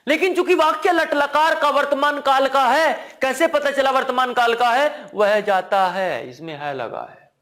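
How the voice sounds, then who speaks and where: A high-voiced man with a Hindi accent teaches an online Sanskrit lesson with lively, swooping intonation. He speaks slowly and drills the class, repeating each key word as a question and answering it himself. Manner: asks the class "ठीक है ना?" again and again; drops to a low, quiet voice at times. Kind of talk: online exam-prep lesson.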